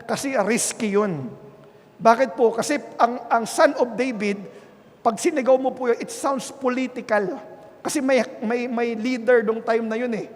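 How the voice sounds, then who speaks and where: A Filipino-accented man preaches into a handheld microphone in a church sanctuary, his voice pitched very high for a man. He keeps checking in with the congregation by asking "Amen?", shifting between soft, earnest stretches and loud, emphatic ones. His voice rings with the long reverb of the hall. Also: normal speed. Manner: punctuates nearly every phrase with "Amen?" to the congregation. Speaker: pastor. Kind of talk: bilingual Sunday sermon.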